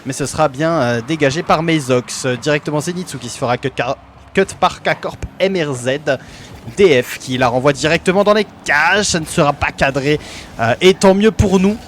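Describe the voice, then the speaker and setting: A man's voice: on the high side, moderate pace, a little hiss or hum. A man giving amateur play-by-play commentary on an esports match for his own team, hesitant, with many fillers and self-corrections.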